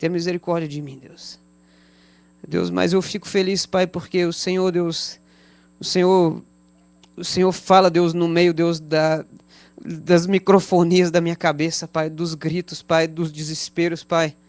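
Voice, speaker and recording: A Brazilian man leads his congregation in an unscripted prayer, his voice pitched a little high. He leans on God and Father between every phrase with fervent insistence. The sound is close and dry. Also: flat delivery, a little slow, no room sound. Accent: Brazilian Portuguese. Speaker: pastor. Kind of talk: spontaneous spoken prayer. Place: church service.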